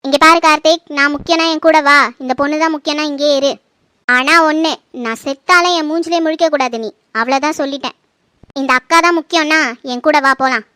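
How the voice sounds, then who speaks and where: A woman playing a shrill furious elder sister. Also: steady tone, brisk, bright, forceful tone, dry recording, studio quality. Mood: commanding. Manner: scolding, accusing, commanding. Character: harsh angry older sister calling off a wedding. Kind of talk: home-made family drama.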